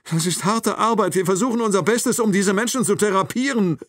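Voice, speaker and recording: A man's voice: sits high, a little fast, no echo, studio quality, pitched above the performer's own voice, lightly acted. A man reading an audiobook, voicing a frightened captive male doctor with a trembling, thin voice, out of breath. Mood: agitated. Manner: pleading, then bursts out angrily.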